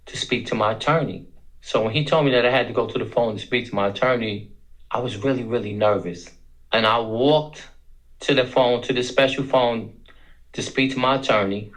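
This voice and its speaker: A middle-aged man from Brooklyn telling his own story in a reflective, deliberate way, repeating words for emphasis. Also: on the low side, fairly bright tone, low-quality recording. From Brooklyn, New York.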